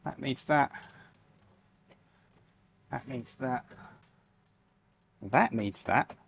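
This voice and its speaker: A man's voice: medium pitch, very slow, creaky, slight background noise. A man hosting a live stream, chatting casually and answering viewer comments while he makes fishing lures. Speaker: livestream host making fishing lures.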